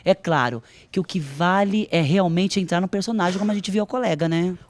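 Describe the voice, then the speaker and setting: A man's voice: sits high, a little fast. A man presenting as a backstage reporter, with chatty, campy commentary.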